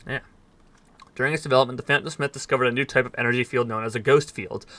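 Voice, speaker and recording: A man's voice: medium pitch, steady tone, fast, bright, forceful tone. A man reading in-game text aloud at speed, stumbling over words now and then and dropping dry asides. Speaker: gaming let's player.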